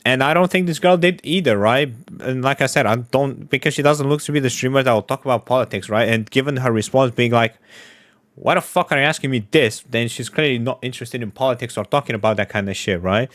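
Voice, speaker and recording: A man's voice: medium pitch, fast, few pauses, a bit bright, dry recording, clean studio sound. A man in casual chat, blunt and profane.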